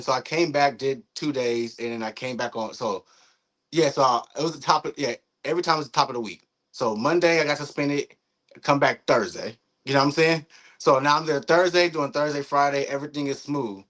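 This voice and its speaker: A young man, a guest in a casual interview, telling a story in a lively, profane way, acting out what people said. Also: mid-range voice, brisk, low-quality recording. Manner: animated, profane storytelling with acted-out quotes.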